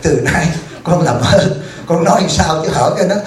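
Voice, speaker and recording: A man's voice: fairly high pitch, expressive, moderate pace, pitched below the performer's own voice, lightly acted. A man voicing the Buddha Amitabha as a weary old male deity who complains with exasperation in an echoey hall. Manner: lamenting, exasperated, half-joking.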